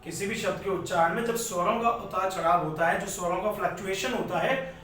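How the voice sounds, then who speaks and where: A man's voice: sits high, brisk, a bit bright, slight background noise. A man teaching a Hindi grammar lesson, explaining step by step and repeating key points, in an echoey room far from the mic. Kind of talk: classroom lecture.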